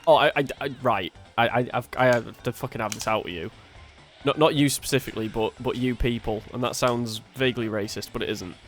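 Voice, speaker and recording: Man, gaming co-host, casual chat, animated, stammering restarts, cursing, medium pitch. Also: brisk, faint music behind. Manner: animated storyteller, swears and laughs, stumbles over words. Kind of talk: casual chat over gameplay.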